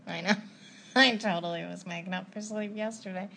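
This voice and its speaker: Chatty young woman with a gravelly edge. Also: mid-range voice, fairly even intonation, moderate pace, bright, forceful tone, slight background noise. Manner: chatty, giggly, teasing. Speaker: travel vlogger. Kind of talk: casual chat.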